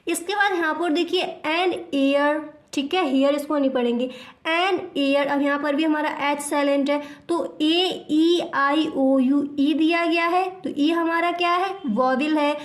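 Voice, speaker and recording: A woman with a high, steady voice speaks a little slowly, her sound roomy. As an English grammar teacher in class, she patiently works through explanations by asking questions and supplying the answers herself.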